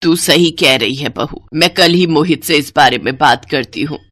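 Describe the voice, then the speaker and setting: A woman voicing a harsh, scolding older mother-in-law in a cartoon story, with a low, scornful delivery. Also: moderate pace, fairly bright tone, no echo. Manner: scornful, bossy.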